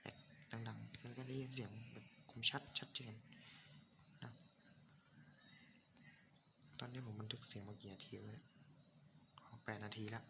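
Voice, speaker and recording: A man's voice: on the low side, steady tone, unhurried, creaky, pauses often, background noise. A man with a stuffy nose doing casual, rambling game commentary, joking with viewers and swearing now and then. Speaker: gaming YouTuber. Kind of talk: casual Minecraft let's play commentary. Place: home room at night. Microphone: desk mic.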